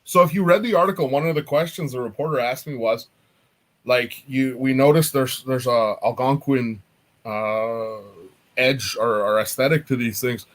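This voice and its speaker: This is a man talking in an easygoing, casual way over a video call. His pitch sits in a middle range and he often laughs as he explains things. He has the unhurried manner of a guest chatting with a friendly host. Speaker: artist and apparel designer, guest.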